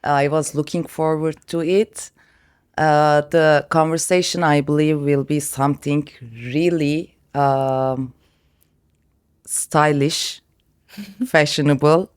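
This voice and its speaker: A woman hosting an interview, asking questions in a halting, friendly way. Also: low-pitched, steady tone, smooth. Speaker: interview host. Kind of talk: casual interview conversation.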